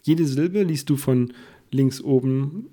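A man's voice: medium pitch, takes it slowly, dark tone. A man, a podcast guest, explaining things at length in casual chat, with many restarts and fillers.

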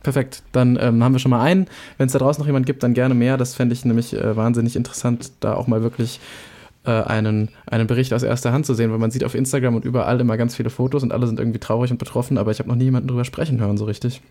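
A man's voice: medium pitch, level tone, rapid-fire, dark tone. A young man co-hosting a podcast in casual chat, chatty and teasing. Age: young adult. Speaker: podcast co-host.

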